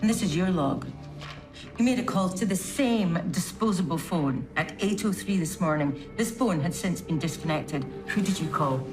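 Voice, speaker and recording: A woman's voice: on the low side, expressive, moderate pace, over music, close to an everyday voice. An actress playing a female police detective who questions a suspect with pressing, accusing questions. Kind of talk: TV crime drama acting.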